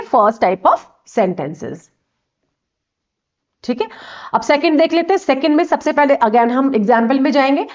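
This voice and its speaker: A woman with a fairly high voice teaches a grammar lesson, walking through each slide step by step. She keeps checking in with her listeners as she goes. The sound is dull and somewhat lo-fi. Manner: explains step by step, checks in with frequent 'okay'.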